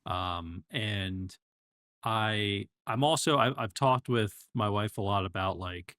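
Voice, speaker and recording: A man's voice: on the low side, slow pace, a bit bright, dry recording, studio quality. A man co-hosting a casual podcast, talking in an easygoing, rambling way with many fillers. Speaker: podcast co-host.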